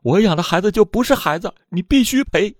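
A grieving middle-aged mother shrieking her demand in raw fury, as a male storyteller puts her on. The voice jumps high and sharp, rushed and unsteady, and it sits close and dry with no reverb. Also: expressive. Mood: furious grief.

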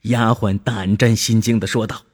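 A man narrating a scripted children's story in an expressive way, drawing out his exclamations. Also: on the low side, moderate pace, husky.

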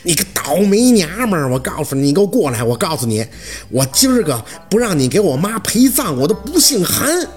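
Man doing a bellowing angry husband, strained high yelling. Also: huge pitch swings, moderate pace, hardly any pauses, faint music behind, heavily acted. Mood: furious. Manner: shouting, ranting. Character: furious bellowing village husband.

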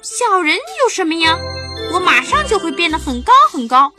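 A woman doing a boastful little boy, squealing high. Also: big pitch swings, normal speed, loud music behind the voice. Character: boastful little boy Songsong, eager and lively.

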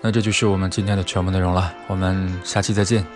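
A man hosting a vocabulary lesson as a teacher. He explains each phrase patiently with soft fillers and slowly repeats example phrases to model the pronunciation. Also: sits low, little pitch movement, over music. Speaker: English teacher and podcast host.

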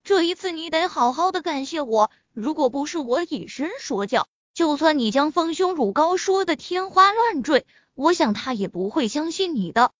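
A woman's voice: sits high, big pitch swings, moderate pace, few pauses, fairly bright tone, no room sound. A woman voicing a playful, smug young woman in a spoken web-novel reading, with a slightly muffled lo-fi sound.

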